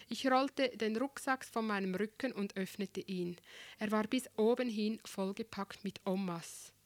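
A woman reading a first-person story aloud in a wry, expressive storytelling manner, recorded on a close mic. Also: medium pitch, dry recording. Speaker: audiobook narrator.

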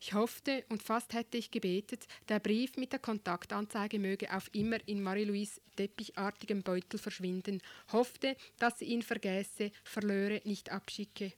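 A woman reading a first-person story aloud in a wry, expressive storytelling manner, recorded on a close mic. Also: mid-range voice, a little slow, hardly any pauses, no echo. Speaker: audiobook narrator.

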